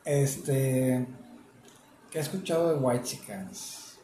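A man with a Mexican accent, chatting casually on a podcast in a relaxed, slangy way. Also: medium pitch, slow, slight background noise. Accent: Mexican Spanish. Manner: laid-back, slangy backchannels. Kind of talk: casual chat. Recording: echoey room.

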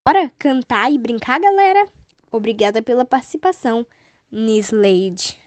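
A woman's voice: a little high, normal speed, a little mellow. A woman hosting a podcast, greeting listeners casually and introducing the episode. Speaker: podcast host. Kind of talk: upbeat podcast intro and outro.

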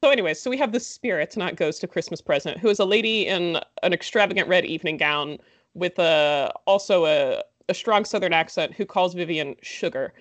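A woman's voice: on the low side, brisk. A woman recapping a movie in casual chat, sarcastic and full of "like" fillers. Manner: chatty, sarcastic, many "like" fillers. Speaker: podcast host recapping a movie.

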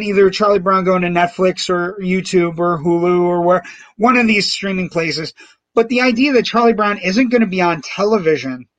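A middle-aged man hosting a talk show, telling stories in an animated, emphatic way. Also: sits high, dry recording. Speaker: radio show host. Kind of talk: casual talk show banter.

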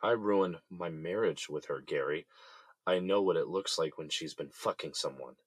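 A man's voice: sits low, moderate pace, breathy edge, no room sound. An actor playing a wary male inmate who talks in a curt, guarded way. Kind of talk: audio drama acting.

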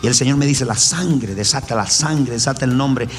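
Predicador enfático en una iglesia con eco. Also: male voice, normal speed. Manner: emphatic, storytelling, voice swings high and low. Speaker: pastor. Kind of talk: sermon. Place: church hall. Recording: roomy hall reverb with faint ambience.

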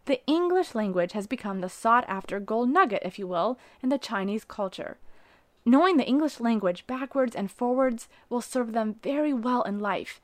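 Woman reading her devotional out loud, earnest, gets preachy and punchy, kinda high voice, dry sound. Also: expressive, moderate pace, no echo. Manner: earnest, rising to emphatic preaching on key phrases.

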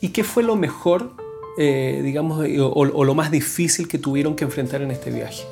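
A man's voice: fairly high pitch, moderate pace, vocal fry, darkish tone, faint music behind. A man hosting an interview, who asks curious follow-up questions and affirms what his guest says. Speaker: interview host. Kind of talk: conversational interviewing.

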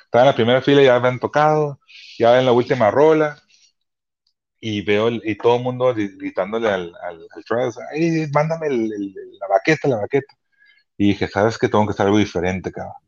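A man, telling concert stories as a podcast guest in a casual, profane, animated way. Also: medium pitch, fairly quick, dull audio. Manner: profane, animated, many restarts. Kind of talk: casual storytelling chat. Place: Chula Vista hospital.

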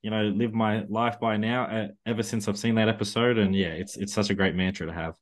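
A man's voice: lowish voice, fairly even intonation, brisk. A man speaking casually as a podcast host in an interview chat.

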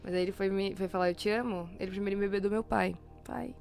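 A young woman from São Paulo with a Brazilian accent, an animated storyteller on a casual podcast who playacts the voices of the people she quotes. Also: medium pitch, fast, creaky, faint music behind. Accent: Brazilian Portuguese, São Paulo. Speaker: podcast co-host. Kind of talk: casual chat.

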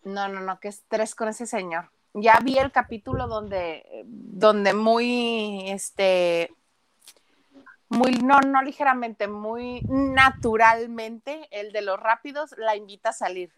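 A woman's voice: fairly high pitch, slow, a bit bright, dry recording. A woman co-hosting a live watch-along, telling stories playfully with laughs. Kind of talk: casual live chat.

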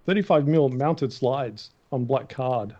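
Australian man, middle-aged, interview guest, animated storyteller, relaxed dark voice, muffled sound. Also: mid-range voice, takes it slowly. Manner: animated, acts out the voices of people in his stories. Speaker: guest, matte painter. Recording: dull, muffled recording.

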